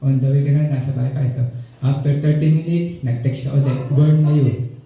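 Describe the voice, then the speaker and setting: A man with a Filipino accent preaches in a relaxed, joking way and keeps turning to his congregation with little tag questions. His voice is very dark and mellow at a middle pitch. It rings through a very echoey church room on a slightly dull recording. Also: quick pace, distant mic. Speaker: pastor. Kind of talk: conversational sermon. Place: church hall.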